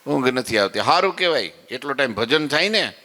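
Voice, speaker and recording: A man's voice: mid-range voice, lively intonation, fairly quick, sharp tone, in a large hall. A man giving a devotional sermon, folksy and conversational, acting out listeners' complaints and asking if they follow. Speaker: swami giving morning katha. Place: temple hall.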